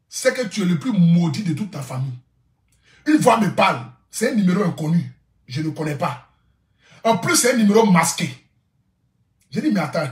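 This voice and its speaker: A social media influencer with a high-sitting voice tells a comic story in a casual vlog monologue, recorded in an echoey room. He's boisterous, laughs often, and repeats his phrases.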